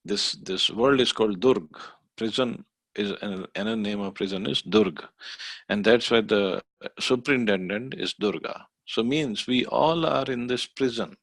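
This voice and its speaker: A man leads a scripture study class in a low, gravelly voice. He explains step by step, pausing on fillers as he goes. The sound is dry and close. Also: a bit bright, no room sound.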